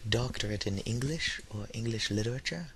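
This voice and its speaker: His lowish, fairly bright voice is expressive and a little fast as he rambles casually in a solo YouTube audio log. The teen or young adult high-school student is tired and slightly sick, joking dryly at his own expense. Background hiss fills the noisy home recording.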